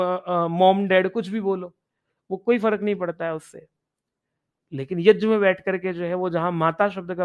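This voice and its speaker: In an online exam-prep class, a man with a high voice reads Sanskrit lines and explains each in Hindi, pausing to ask his students questions. The recording's highs are cut off.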